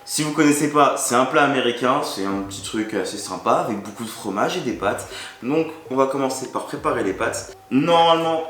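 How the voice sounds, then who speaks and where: A man's voice: mid-range voice, background noise. Joking man in an echoey kitchen. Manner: joking, chatty, slangy, talks straight to the viewer. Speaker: cooking video host. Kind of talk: casual cooking vlog. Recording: echoey room with loud background music. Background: loud background music.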